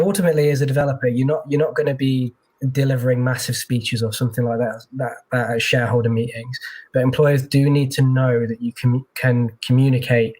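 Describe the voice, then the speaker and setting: A man's voice: mid-range voice, a little mellow, slightly rough. Man, tech recruiter, casual interview, filler-heavy, video call audio. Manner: chatty, many fillers and restarts.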